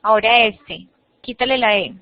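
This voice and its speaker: On a video call, a woman whose voice leans high speaks at a normal speed while teaching English. Patient and methodical, she demonstrates words for her students to repeat, and the computer-mic audio comes through muffled and dry.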